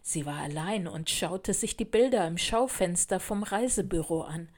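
A woman narrating a children's storybook in a clear, even storytelling manner. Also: lowish voice, normal speed.

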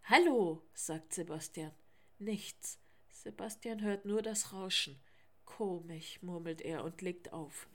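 A woman narrating a children's story in a lively, expressive reading style. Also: fairly low pitch, takes it slowly.

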